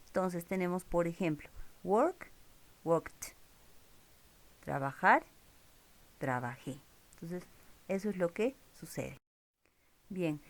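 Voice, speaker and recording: A woman's voice: mid-range voice, a little mellow. A woman teaching English grammar in a recorded lesson, explaining rules step by step and checking in with her viewers. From Peru.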